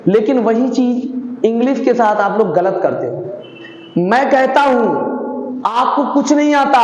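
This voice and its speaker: A man gives an encouraging spoken-English lesson, asking questions and answering them himself. His voice sits very high for a man. The room echoes and the reverb trails on long. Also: dull audio. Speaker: English teacher.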